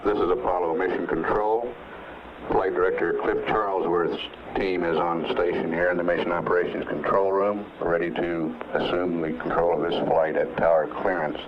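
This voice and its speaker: Man, mission control announcer over crackly radio, very low voice, distant and hissy, measured formal delivery. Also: level tone, highs cut off. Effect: crackly radio transmission. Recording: noisy distant 1960s radio loop.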